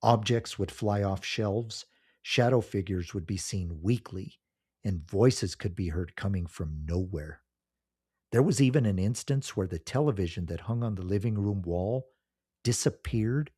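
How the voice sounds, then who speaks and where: A man narrating a scripted horror story in a measured, solemn storytelling manner. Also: on the low side, mellow, husky.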